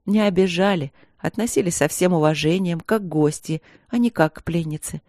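Woman narrator voicing a tired eldest sister, gentle, low-key, mellow tone. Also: moderate pace, no echo, clean studio sound, natural voice. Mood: tender. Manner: soft, tender, subdued.

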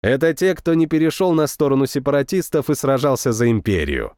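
A man's voice: mid-range voice, expressive, a little fast, darkish tone, dry recording. A man reading a first-person war story in a matter-of-fact way, close to the mic. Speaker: audiobook narrator. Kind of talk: first-person audiobook narration.

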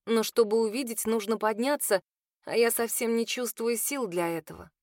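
A woman reading a first-person fantasy audiobook in a steady, expressive voice, close to the mic. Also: a little high, moderate pace, no room sound. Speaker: audiobook narrator.

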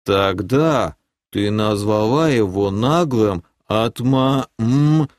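A man voicing a simple-minded bald elf brother in an audiobook, who drawls his words slowly like a child. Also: on the low side, lively intonation, darkish tone, dry recording, clean studio sound. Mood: tattling. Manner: slow, drawn-out, childlike.

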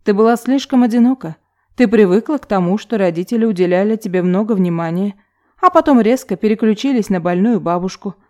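A woman's voice: mid-range voice, a little fast, warm tone, close to an everyday voice. A woman voicing a grown woman who harshly scolds her younger self in an audiobook. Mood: lecturing. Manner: harsh, reproachful lecturing. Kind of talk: audiobook character reading.

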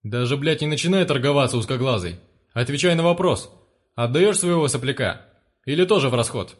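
A man reading aloud, voicing a big, brutal one-eyed male gang leader who swears coarsely and shouts his threats. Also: mid-range voice, lively intonation, brisk, natural voice. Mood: mocking menace.

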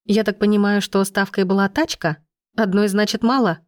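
A woman's voice: mid-range voice, steady tone, moderate pace, no room sound, clean studio sound, pitched above the performer's own voice, lightly acted. Woman voicing a furious sarcastic young woman. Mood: indignant. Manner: hissing, sarcastic outbursts. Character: indignant young woman, sharp-tongued, sarcastic. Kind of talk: audiobook reading.

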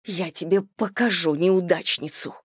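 A narrator voicing a humiliated, furious woman hurling insults, slow and low. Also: slightly rough, no echo, studio quality. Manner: slow, low, spitting curses.

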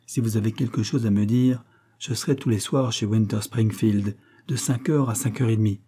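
A man reading an audiobook, voicing a composed, self-assured young woman investigator who gives brisk instructions. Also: lowish voice, steady tone, dark tone, husky. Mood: firm.

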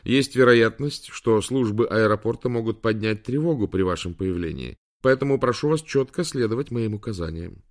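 A man voicing a calm, polite male AI assistant with a British accent, speaking precisely and unflappably. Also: on the low side, moderate pace, voice pushed up, natural voice. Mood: calm, instructive.

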